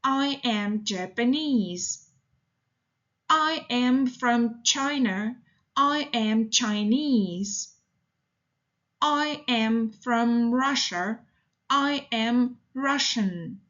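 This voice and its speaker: A woman teaching English, reading model sentences for learners in a slow, deliberate, evenly paced way. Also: fairly high pitch, fairly bright tone, dull audio.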